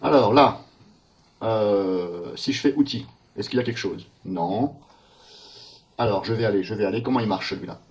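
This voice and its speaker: Puzzled man muttering through a software demo. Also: lowish voice, moderate pace, pauses often, highs cut off. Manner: muttering, puzzled thinking aloud. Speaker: software tester. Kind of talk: screen-recorded software walkthrough.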